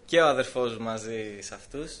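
A man giving a personal testimony in church, telling his story in a lively way with laughs, hesitations and voiced quotes. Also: medium pitch.

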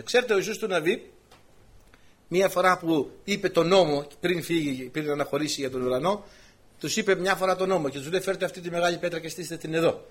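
A man's voice: high-pitched, slightly rough. A man preaching a sermon, retelling scripture stories with voiced quotes and direct questions to the congregation. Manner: animated storytelling with voiced quotes.

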